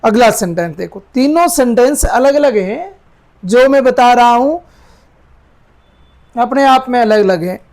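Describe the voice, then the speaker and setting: A man's voice: very high-pitched, expressive, a little mellow. A man teaching an English grammar class, explaining step by step, calling his students "beta" and often checking whether they understood. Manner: explains step by step, slowly repeating sentences word by word; calls students "beta", asks checking questions.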